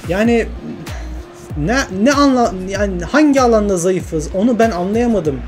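A man commentating his own football video game career, excitable, grumbling and cheering at his own play. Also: high voice, moderate pace, music in the background. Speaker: gaming YouTuber.

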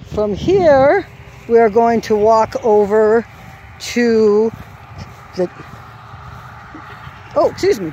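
A woman course designer uses her handheld phone to film an instructional walk-through of an outdoor horse course, explaining each obstacle in an unhurried way and occasionally correcting herself. Her voice is fairly high with a darkish tone. Faint outdoor noise is present, and she is sometimes far from the mic.

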